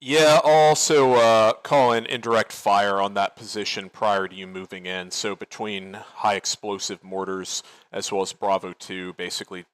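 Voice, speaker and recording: A man's voice: fairly low pitch, little pitch movement, moderate pace, few pauses, clean tone, dry recording. A man leading an online military game as commander, giving tactical briefings and talking through plans casually on a headset.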